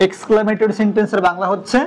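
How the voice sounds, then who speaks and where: High-voiced man teaching a class. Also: little pitch movement, rapid-fire. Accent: Bangladeshi Bengali. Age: young adult. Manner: asks the class questions, repeats answers. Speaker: coaching center teacher. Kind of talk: classroom lecture.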